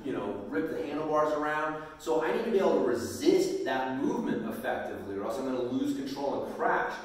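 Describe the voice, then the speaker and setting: A middle-aged man explaining bike technique casually, with frequent fillers, in a home gym filmed from a far camera. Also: on the high side. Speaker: mountain bike strength coach. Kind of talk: instructional video talk. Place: home gym with hard floor. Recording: echoey room from far off.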